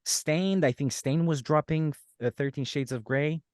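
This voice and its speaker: A man's voice: a little high, unhurried, dry recording, studio quality. A man from Romania, a podcast guest and musician, chatting casually and telling stories with acted-out quotes. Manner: animated storyteller, acts out quotes. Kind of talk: casual chat.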